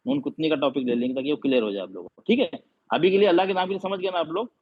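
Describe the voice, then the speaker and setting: A man's voice: on the high side, racing, slightly rough. A male Quran teacher explaining reading rules in an online class, patiently quizzing his students again and again. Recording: dull lo-fi audio.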